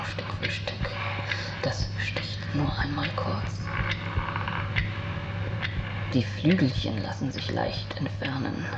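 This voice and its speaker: In an experimental radio-play monologue, a man plays a brooding, morbidly deranged loner narrating from his tower. He speaks deliberately in halting fragments, often hushed and breathy, with a creaky medium-pitched voice that feels sinister and detached. The recording is dull, noisy, and lo-fi.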